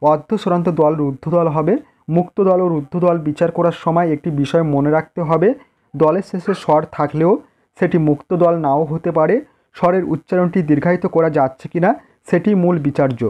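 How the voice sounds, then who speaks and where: A man's voice: a little high, fairly even intonation, fairly quick, a little mellow, muffled recording. A man with a Bengali accent teaching an exam-prep lesson, reading out answers point by point and repeating key phrases for students. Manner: dictating, repeats phrases, stresses key terms.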